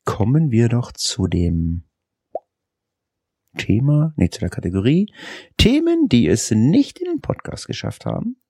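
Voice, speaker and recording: A man from Germany hosting a casual podcast, talking quickly and tripping over his words. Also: mid-range voice, wildly swooping pitch, dark tone, no echo, clean studio sound. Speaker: podcast host.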